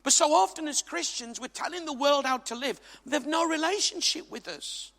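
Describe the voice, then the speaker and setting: A man's voice: very high voice, moderate pace, creaky, a bit bright. A man from England preaching a sermon to a congregation, emphatic and jokey, with asides to the crowd. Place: church hall. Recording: reverberant hall.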